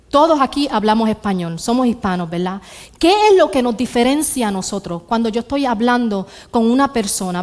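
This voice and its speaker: A woman with a Puerto Rican accent preaching a church sermon, asking the congregation rhetorical questions and repeating her key lines. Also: fairly high pitch. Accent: Puerto Rican Spanish. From Puerto Rico.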